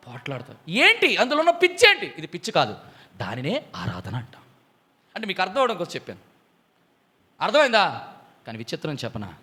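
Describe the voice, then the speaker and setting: A man preaching a Bible study sermon, often putting questions to his listeners and swinging from loud exclamations to low, quiet emphasis. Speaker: pastor.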